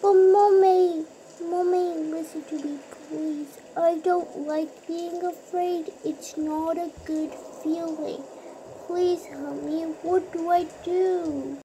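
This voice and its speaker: A frightened little boy sea creature cries out and pleads over and over, as a young performer puts him on. His voice is very high and the words come slowly. A soft hiss sits under the recording. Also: fairly even intonation, full character voice. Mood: pleading. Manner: whimpering, pleading, calls out again and again. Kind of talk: toy-figure skit role-play.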